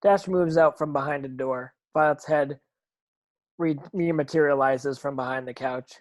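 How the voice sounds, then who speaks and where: In an amateur table read, a man narrates the stage directions in a somewhat high voice at a moderate pace. Now and then he trips over words and rereads them.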